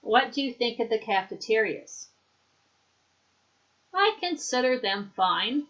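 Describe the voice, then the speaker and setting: A woman teaching an English lesson, speaking slowly and carefully so students can repeat after her. Her tone is bright, and she patiently breaks down how words sound. The recording is dull and a little lo-fi. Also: on the high side, big pitch swings. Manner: patient, explains words and pronunciation. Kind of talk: slow classroom drill, repeat after me.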